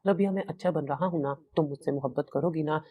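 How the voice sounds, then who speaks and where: A woman's voice: low voice, quick pace, recorded from a distance, narrow, tinny audio, close to an everyday voice. Woman voicing a pleading childlike young husband. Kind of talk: storybook narration.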